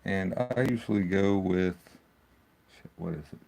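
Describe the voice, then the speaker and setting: Low gravelly man thinking aloud. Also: measured pace, a little mellow. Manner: rambling, thinks aloud with restarts. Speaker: tech video host. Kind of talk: casual screen-recording walkthrough.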